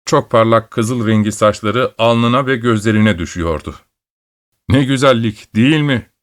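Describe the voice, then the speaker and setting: A man reading a story aloud as an audiobook narrator, in a steady, measured storytelling manner. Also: fairly low pitch. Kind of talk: scripted narration.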